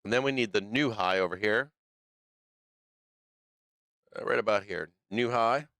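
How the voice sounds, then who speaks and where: Hosting a live stock market stream, a man with a fairly low, fairly bright voice thinks aloud through the charts at a slightly slow pace, loosely and with fillers and restarts. He's losing his voice, and there's no echo on the recording.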